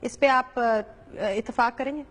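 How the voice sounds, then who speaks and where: A woman news anchor questioning a reporter live with crisp, probing questions. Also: fairly high pitch, steady tone, big-room sound.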